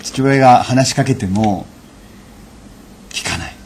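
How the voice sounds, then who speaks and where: A man giving a lecture and telling an anecdote in a measured, unhurried way, with frequent fillers. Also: medium pitch, creaky, a little mellow, a little hiss or hum. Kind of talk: storytelling lecture.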